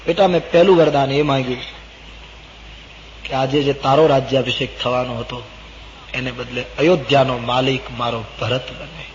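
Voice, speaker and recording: A man voicing a queen stepmother who talks softly and then grows insistent. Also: mid-range voice, steady tone, moderate pace, a little hiss or hum, lightly acted. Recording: dull old recording in a reverberant hall.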